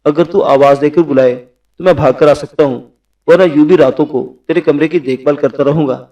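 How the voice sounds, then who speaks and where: Casual: guy reading a gentle calm nobleman in a story, warm low-key tone, distant mic. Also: close to an everyday voice. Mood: soothing. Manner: gentle, soothing.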